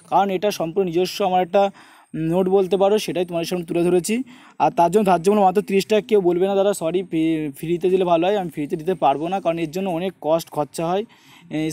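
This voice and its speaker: Male exam tutor, West Bengal Bengali accent, high, soft-toned voice, slows down to drill each word split. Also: no room sound. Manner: repetitive coaching, keeps saying look and notice. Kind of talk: online lesson with screen walkthrough.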